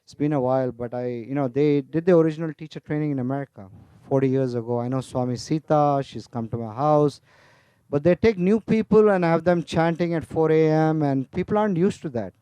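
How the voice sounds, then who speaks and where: At a casual festival talk, a man teaches spirituality through humorous stories, weaving in Sanskrit terms and chatting with frequent "you know" and "right?". His voice is a little high, fairly quick and mellow, with a clean, echo-free tone.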